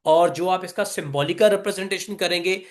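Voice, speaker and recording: A man teaching a class, speaking deliberately, repeating definitions and mixing English phrases into his talk. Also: sits high. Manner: mixes English phrases into Hindi. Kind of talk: online class lecture.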